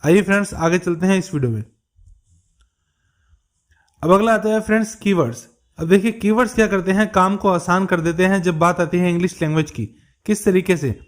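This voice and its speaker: A man explaining interview tips as a tutor, steadily addressing viewers as friends. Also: high voice. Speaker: English tutor. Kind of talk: explanatory lesson for learners.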